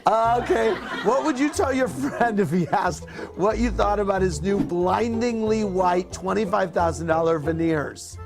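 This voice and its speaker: A man's voice: high voice, measured pace, gravelly, hardly any pauses, music in the background. A man hosting a TV talk show, reading playful, teasing questions to a guest.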